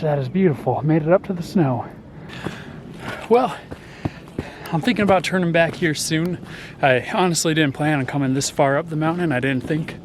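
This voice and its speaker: A man's voice: on the high side, slight background noise. A man chatting casually to the camera while hiking up a desert mountain trail, a bit out of breath. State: out of breath from walking uphill. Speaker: nature vlogger. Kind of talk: casual hiking vlog narration.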